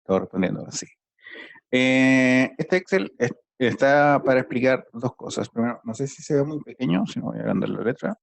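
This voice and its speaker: Gravelly male teacher, dry sound. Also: mid-range voice, expressive, normal speed, no room sound. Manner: patient, explaining step by step. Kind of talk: online math class.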